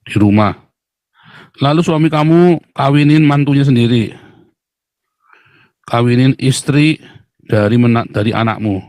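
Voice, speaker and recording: A man's voice: mid-range voice, unhurried, pauses often, a little mellow, dry recording. Blunt man lecturing live. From Indonesia. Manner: blunt, mocking, lecturing, addresses viewers as "saudara". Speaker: live stream host. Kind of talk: live stream religious commentary.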